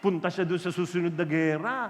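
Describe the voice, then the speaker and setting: A man preaching a sermon to a large gathering, telling stories in an animated, joking way. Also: high voice, fairly quick, a little hiss or hum. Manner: animated storytelling with jokes. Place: large hall with an audience. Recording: echoey hall reverb.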